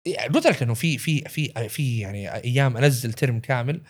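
A man, a podcast guest who tells animated stories, acts out quotes and laughs often. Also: medium pitch, fast, breathy edge. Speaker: podcast guest, actor and writer. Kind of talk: casual storytelling chat.

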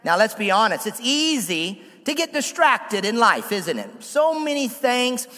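A man preaching a sermon as pastor, animated, joking and speaking directly to the congregation. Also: extremely high pitch, a little slow, long reverb tail.

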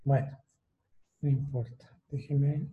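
A man's voice: medium pitch, steady tone, takes it slowly, narrow, tinny audio. A man with a Mexican accent giving an online lecture. He explains things step by step and often adds fillers and little tag questions. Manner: explanatory, with many fillers and rhetorical tags.

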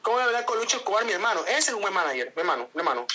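A man's voice: high voice, sing-song, very fast, bright, forceful tone, a little hiss or hum, rough recording. A man with an Ecuadorian accent, a guest in a casual interview, talking in an earnest, rambling way with frequent restarts.

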